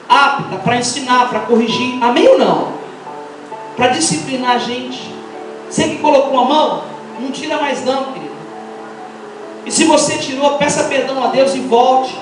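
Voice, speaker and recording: A middle-aged woman with a Brazilian accent preaching an impassioned Pentecostal sermon, firing rhetorical questions and breaking into shouts. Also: sits high. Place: large church hall. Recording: echoey church hall, mic far off.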